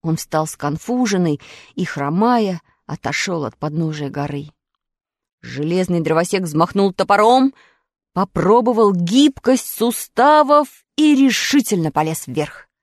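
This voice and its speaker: A woman narrating a children's fairy tale with lively, expressive storytelling. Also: on the low side, measured pace, no room sound, clean studio sound. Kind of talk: audiobook fairy-tale reading.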